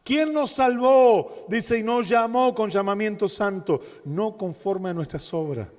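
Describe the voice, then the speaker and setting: A man preaching a sermon as a pastor, with a Rioplatense Spanish accent, swinging from shouted declarations to soft asides. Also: high-pitched, unhurried. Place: church hall. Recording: long reverb of a church hall.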